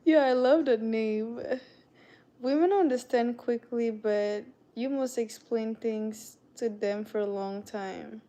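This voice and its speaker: She speaks slowly in a warm, fairly high voice. A young woman with a non-native English accent, she hosts a laid-back livestream, chatting and greeting viewers by name.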